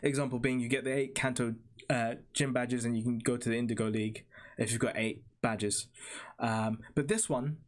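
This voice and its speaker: A man co-hosting a casual podcast chat. He talks at an ordinary middle pitch and explains things at length, with plenty of ums and restarts. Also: steady tone, normal speed. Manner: chatty, explains at length with fillers. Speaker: podcast co-host.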